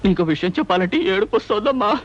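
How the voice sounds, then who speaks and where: A man's voice: high-pitched, sing-song, fast. An actor playing a sly young son wheedling his mother for money in a film comedy. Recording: lo-fi film soundtrack.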